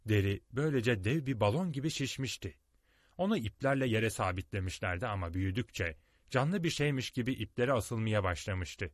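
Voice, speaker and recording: A man narrating a storybook audiobook in an expressive, dramatic way, recorded on a close studio mic. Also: lowish voice, moderate pace, dry recording.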